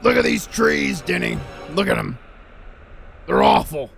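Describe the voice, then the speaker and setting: A man playing an eccentric, rambling historian with a gravelly voice in a nature documentary parody. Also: mid-range voice, wildly swooping pitch, a little slow, a bit bright, exaggerated voice. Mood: grave, grumbling. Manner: rambling, insistent, repetitive. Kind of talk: comic expert commentary in a nature documentary parody. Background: music.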